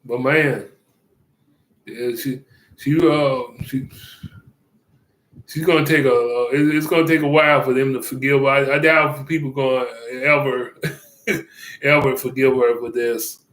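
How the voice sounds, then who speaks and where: A man giving casual commentary, rambling and halting with many fillers and restarts, chuckling often. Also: medium pitch, steady tone, fairly bright tone, reverberant, low-quality recording.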